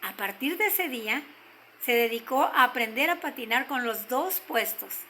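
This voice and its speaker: An older woman with a Mexican accent telling a story gently, slowing down to stress key moments. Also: fairly high pitch, lively intonation, slight background noise, low-quality recording. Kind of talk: told story.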